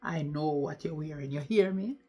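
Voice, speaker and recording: A woman's voice: low voice, moderate pace, dark tone, natural voice. A woman voicing a jealous, domineering man who barks curt orders in a storytime tale. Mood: angry demanding.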